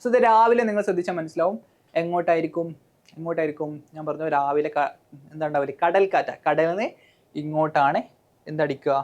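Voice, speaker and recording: A woman teacher with a Malayali accent, coaching students for an exam, explaining step by step with frequent "okay" and questions to the class. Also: low-pitched. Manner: mixes English terms into Malayalam.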